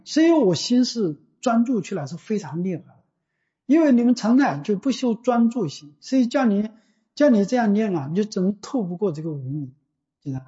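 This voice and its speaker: A Buddhist teacher giving a slow, deliberate dharma talk, often pausing to ask the listeners whether they follow. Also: mid-range voice, dark tone. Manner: slow and deliberate, often asking "you know?". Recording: dull lo-fi recording.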